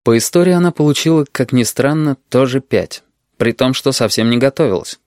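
Calm man reading an audiobook, dry sound. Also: medium pitch, no room sound. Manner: calm and measured. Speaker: audiobook narrator. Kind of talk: audiobook narration.

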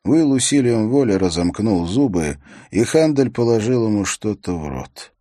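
A man reading an adventure novel aloud as an audiobook narrator, in a measured, steady storytelling manner. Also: on the low side, no room sound, studio quality.

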